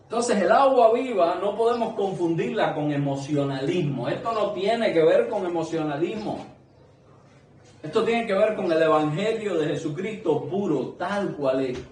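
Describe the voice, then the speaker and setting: A man's voice: high voice, lively intonation, normal speed, a little mellow, slight background noise. A man preaching a sermon to a small congregation, earnest and conversational, asking many rhetorical questions. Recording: echoey room, mic at a distance.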